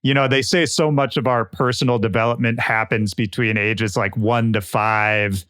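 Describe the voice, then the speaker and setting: A man's voice: medium pitch, steady tone, normal speed, background noise. A man hosting a casual interview podcast, enthusiastic and chatty, asking long rambling questions. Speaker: podcast host.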